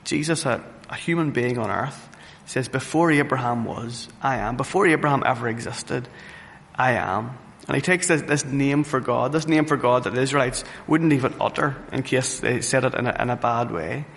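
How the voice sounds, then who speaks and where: A man's voice: mid-range voice, normal speed, vocal fry, a bit bright. A man preaching a sermon, earnest, repeating phrases for emphasis and often restarting his sentences. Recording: reverberant hall with faint ambient noise.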